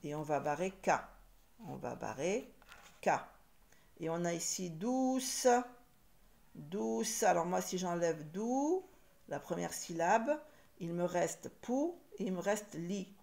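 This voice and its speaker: Slow, deliberate French teacher woman. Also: lowish voice, expressive, vocal fry, darkish tone. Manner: slow, deliberate, repeats each word for learners. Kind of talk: French spelling and phonics lesson.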